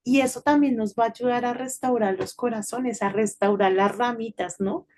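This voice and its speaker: A middle-aged woman giving an informal devotional talk to children, telling a story in a chatty way and often checking in with a quick "right?". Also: fairly high pitch, darkish tone. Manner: chatty storytelling with frequent tag questions.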